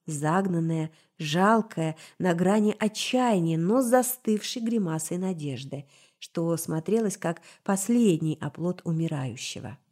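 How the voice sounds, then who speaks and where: A woman narrating a fantasy novel in the first person, measured and dramatic. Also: fairly low pitch, expressive, darkish tone. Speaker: audiobook narrator.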